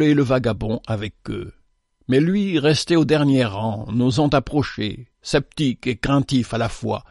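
A man narrating a story in a measured, solemn reading. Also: mid-range voice, darkish tone, dry recording, clean studio sound. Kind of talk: scripted narration.

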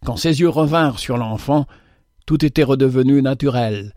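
A man reads a classic tale aloud in a measured, gentle manner. His voice sits in the middle range for a man. The recording is dry, with no room sound. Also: medium pitch, no echo. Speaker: narrator. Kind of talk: scripted storybook narration.

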